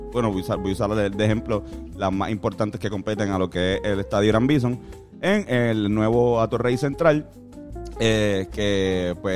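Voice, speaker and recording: A man with a Puerto Rican Spanish accent explaining things casually, in a halting, informal, slangy way. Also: lowish voice, a little mellow. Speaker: podcast host telling local history. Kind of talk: casual explanatory talk from notes.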